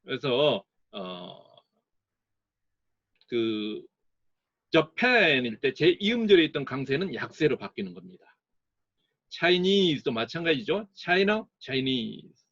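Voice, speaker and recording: A man giving a recorded lecture as an English teacher, explaining slowly and sounding out words to model their stress. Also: mid-range voice, big pitch swings, a bit bright, dry recording, lo-fi sound.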